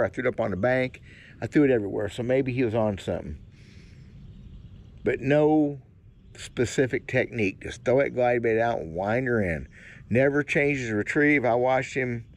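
Folksy older man rambling outdoors. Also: mid-range voice. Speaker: fishing vlogger. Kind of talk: casual outdoor musing. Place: kayak in a cypress swamp, outdoors.

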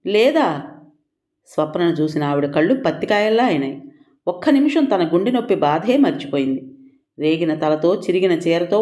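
Audio story narrator, measured, expressive, mid pitch, scripted novel reading.

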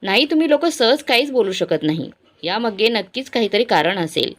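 A woman voicing an elderly mother who speaks calmly but firmly to her grown sons. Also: fairly high pitch, fairly quick. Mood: demanding. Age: older.

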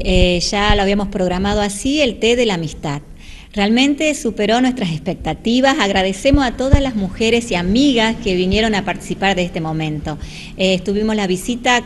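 A church volunteer in her forties gives a local TV interview in a church hall, speaking into a handheld reporter mic with a medium-pitched voice. She is earnest and inviting as she welcomes people in, and she slips into preaching, with slight background noise.

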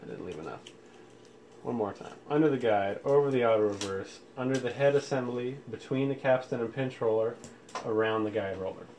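A man with a medium-pitched, slightly mellow voice talks fairly quickly as he hosts a casual how-to demo, walking through each step informally. He's indoors in a room with audio equipment, and clear room noise sits in the background.

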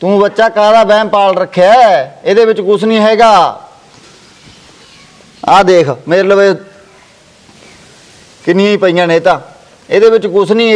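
A man's voice: sits high, lightly acted. A man playing a sly, fraudulent village holy man who soothes and placates everyone, speaking with a Malwai Punjabi accent. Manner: soothing, placating, calls others child. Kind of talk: village family drama acting.

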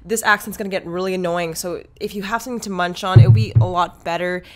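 A woman's voice: lowish voice, fairly even intonation, quick pace. Woman vlogging in a put-on British accent. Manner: chatty, jokey, self-mocking. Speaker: YouTube creator and entrepreneur. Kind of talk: casual vlog talk to camera.

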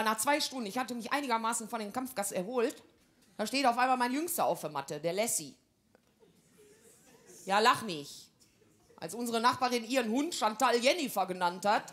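Female stand-up, slightly high pitch, brash gossipy slang-heavy housewife patter. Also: fairly bright tone, slight background noise. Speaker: comedian. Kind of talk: stand-up comedy monologue.

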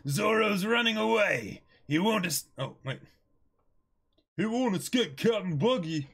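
A man plays a theatrical pirate captain, a clown with a short temper. He rants in a forceful, rough voice that swings up and down, as in a cartoon read aloud. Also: high voice, expressive, unhurried, exaggerated voice. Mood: outraged. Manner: theatrical, ranting.

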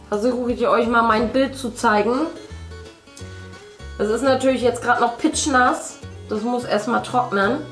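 A woman in her thirties with a fairly high, bright voice hosts a family channel, chatting casually and directly to the children watching while she paints at a table indoors. The room gives her voice a clear, roomy echo, and faint music plays behind her.

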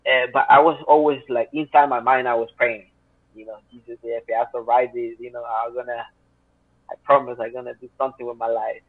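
A Spanish-accented man in his 30s, appearing as an interview guest from a home room, tells personal stories over a dry, tinny, phone-like video call with no room sound. His medium-pitched voice has a level tone and a breathy edge, and he talks fairly quickly, earnest and rambling with lots of fillers.

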